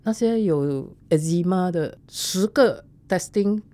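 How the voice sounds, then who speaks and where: A woman's voice: on the low side, animated, takes it slowly, warm tone. A woman chatting casually as an interview guest, colloquial and plain-spoken, mixing in English. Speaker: interview guest, handmade soap social entrepreneur.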